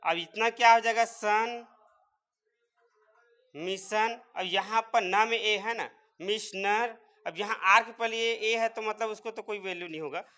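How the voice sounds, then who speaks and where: A man's voice: sits high, unhurried, pushed and bright. A man teaching English pronunciation step by step, repeatedly quizzing his viewers. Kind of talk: spoken English lesson.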